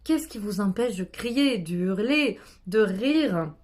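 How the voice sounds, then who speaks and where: A woman guides a meditation aloud. She presses listeners with short repeated commands, and her voice climbs into shouts and wolf-like howls. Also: mid-range voice, lively intonation, takes it slowly. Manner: urging, repetitive, building to shouts and howls.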